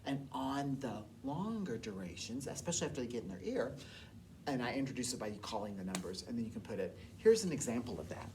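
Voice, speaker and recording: A woman teaching a movement class, telling a story in an expressive, animated way. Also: rumbling low, fast talker, a little hiss or hum. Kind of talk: storytelling music lesson. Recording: distant mic, loud piano behind.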